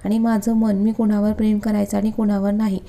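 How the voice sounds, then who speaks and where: A woman's voice: mid-range voice, little pitch movement, brisk, warm tone, lightly acted. Woman reading as a curt, hot-tempered young businessman. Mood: angry. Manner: curt, commanding. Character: stern young male businessman, short-tempered. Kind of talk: storybook reading.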